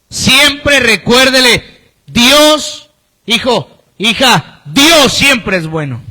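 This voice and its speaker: A man's voice: sits high, pushed and bright. A man pastor preaching a sermon, pressing his points with emphatic repetition and sudden swings in his voice. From Colombia.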